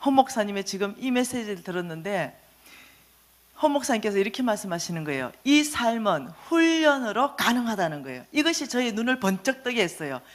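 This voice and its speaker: Woman preacher, high voice, swooping lively delivery, testimony sermon, questions the congregation. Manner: questions the audience directly, urging answers.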